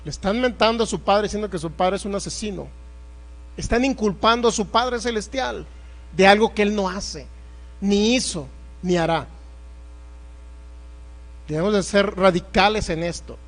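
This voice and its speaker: A man's voice: high voice, normal speed, long pauses, fairly bright tone. A man preaching a sermon as pastor, emphatic and confrontational, firing rhetorical questions at the congregation.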